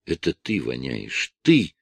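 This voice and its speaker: A man reading an audiobook voices an angry wife, raising his pitch and volume as she nags, sneers and shouts with hatred. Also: wildly swooping pitch, takes it slowly, vocal fry, no room sound, exaggerated voice. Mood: hateful. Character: angry nagging wife, shrill and spiteful.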